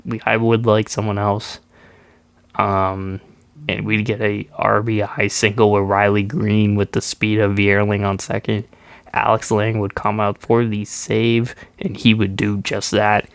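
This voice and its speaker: A young man with a stuffed-up nose talks through his baseball video game in a loose, easygoing recap, dropping ums and restarting his sentences. His voice comes through smooth and clear at a mid pitch, recorded close on the mic in a dry room with no echo. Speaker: gaming YouTuber. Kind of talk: casual gameplay commentary.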